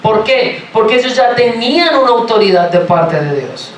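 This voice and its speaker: A man from Colombia with a Colombian accent, preaching a sermon in a lively, joking way and asking the congregation many rhetorical questions. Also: very high voice, moderate pace, a little hiss or hum. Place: church sanctuary. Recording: roomy, from far off, faint ambience.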